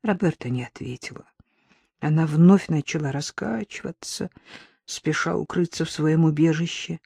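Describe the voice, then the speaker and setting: An audiobook narrator reading dark literary fiction in a low, hushed, dramatic delivery. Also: moderate pace, gravelly, husky, no echo.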